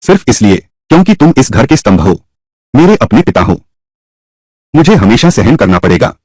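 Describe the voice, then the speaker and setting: A man's voice: mid-range voice, sing-song, normal speed, darkish tone, husky, dry recording. A man voicing a bitter rebellious young son. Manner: bitter, defiant complaining. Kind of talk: dubbed drama dialogue.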